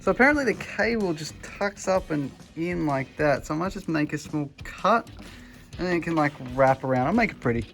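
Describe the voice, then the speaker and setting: Talking fairly quickly in an expressive, fairly high voice that is creaky and a bit bright, a thirty-something Australian electrician vlogger walks through his do-it-yourself car radio install. His manner is offhand and self-deprecating, and soft background music accompanies this casual DIY vlog.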